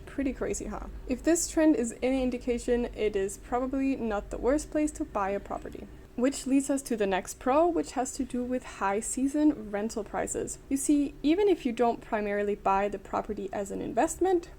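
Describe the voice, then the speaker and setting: A young woman from Denmark giving an upbeat, clear explainer as a vlogger, in scripted narration. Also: a little high, mellow, a little hiss or hum.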